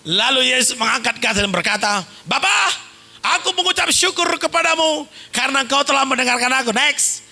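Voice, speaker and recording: Bright-voiced, animated male pastor preaching. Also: extremely high pitch, a little fast. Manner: animated storytelling with sound effects and shouted emphasis. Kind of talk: sermon.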